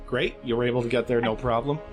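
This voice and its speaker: A man narrating a tabletop role-playing game as game master in calm, descriptive storytelling. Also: medium pitch, quick pace, soft background music.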